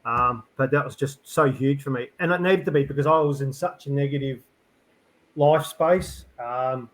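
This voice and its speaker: A middle-aged man, a podcast guest, talking reflectively in a rambling, halting way full of fillers and restarts. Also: medium pitch, rough recording. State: tearful. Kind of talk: reflective conversational interview.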